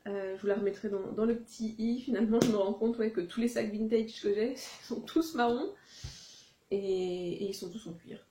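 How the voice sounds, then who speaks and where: A woman's voice: mid-range voice, moderate pace, warm tone, a little hiss or hum. A woman casually chatting through a second-hand clothing haul, full of hesitations and self-corrections. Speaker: second-hand fashion vlogger. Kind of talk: casual haul video chat. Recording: echoey room.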